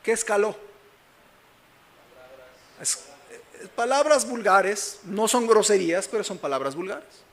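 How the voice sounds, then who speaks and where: Mexican pastor guy preaching, pretty high voice for a man, keeps asking the church if they're with him. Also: animated, slow, long pauses, a bit bright. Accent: Mexican Spanish. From Mexico City. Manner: keeps asking the congregation whether they follow him. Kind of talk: sermon.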